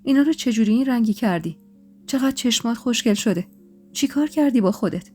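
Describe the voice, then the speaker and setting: A woman pushes her voice up to a fairly high pitch, breathy-edged and darkish, with lively intonation. She's voicing a teasing, jealous young husband in a spoken story for a podcast, trading playful banter over faint background music.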